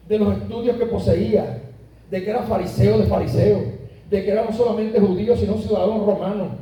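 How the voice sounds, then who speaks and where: Heard from afar in an echoing church sanctuary, a male pastor from Puerto Rico preaches a sermon in a high, warm voice. His delivery climbs emphatically and slows to lean on stressed words.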